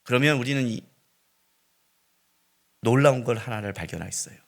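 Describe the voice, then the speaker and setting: A middle-aged man preaching a sermon as pastor, swinging between loud cries and hushed, near-whispered lines. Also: mid-range voice, lively intonation, moderate pace, creaky. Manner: dramatic preaching with sudden loud rises and hushed drops.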